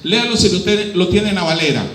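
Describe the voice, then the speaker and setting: A Nicaraguan pastor preaching a lively sermon in a high, bright-edged voice. He keeps turning to the congregation with questions. His voice rings through an echoey church hall. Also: brisk. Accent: Nicaraguan Spanish.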